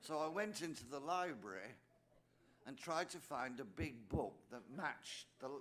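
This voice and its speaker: An older Englishman, a priest, telling his own story to a recovery meeting in an anecdotal way. His pitch sits in the ordinary middle for a man, and he slips joking asides to the audience into the testimony. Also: lively intonation, a little slow, a bit bright. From England. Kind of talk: personal testimony speech.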